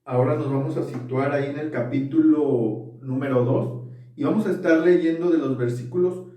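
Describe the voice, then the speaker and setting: A man's voice: a little high, normal speed, warm tone. A man preaching a sermon as pastor, earnestly checking his listeners follow along. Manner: earnest, often asks for agreement. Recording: echoey room, mic far off.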